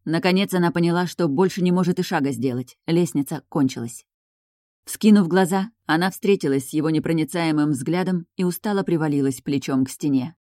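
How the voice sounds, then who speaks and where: A woman reading an audiobook in a calm, measured narrating voice. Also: deep voice, no room sound, studio quality. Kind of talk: scripted narration.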